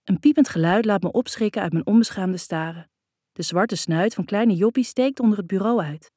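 A woman narrating a first-person novel in a calm, even reading voice. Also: medium pitch, normal speed, husky, no echo, studio quality. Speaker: audiobook narrator.

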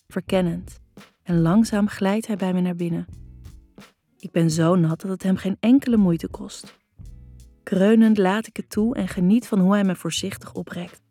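A woman reading a first-person story aloud in a slow, intimate audiobook narration. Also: mid-range voice, dark tone.

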